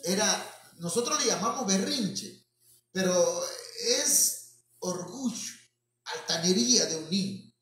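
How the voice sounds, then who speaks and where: Pastor preaching in echoey hall. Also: male voice, high-pitched, expressive, slow pace, pauses often, a bit bright, slight background noise. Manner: addresses listeners as brothers, many fillers. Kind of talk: sermon with storytelling. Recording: echoey church from far off.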